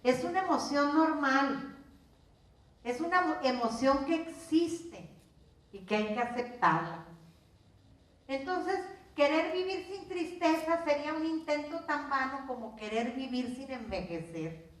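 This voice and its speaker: Older woman, Mexican accent, high voice, chatty workshop lecture, echoey room, mic set back. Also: lively intonation, a little slow. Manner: conversational, asks the audience questions. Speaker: course instructor. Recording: roomy sound from a distance.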